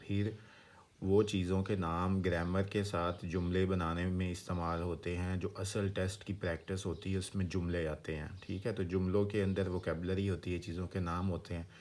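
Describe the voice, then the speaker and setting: A man's voice: low voice, darkish tone. A man teaching vocabulary in a casual, patient way, spelling out each word sound by sound and checking in often. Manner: patient, repeats each word slowly and checks with "theek hai". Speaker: language teacher. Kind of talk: casual explanatory lesson.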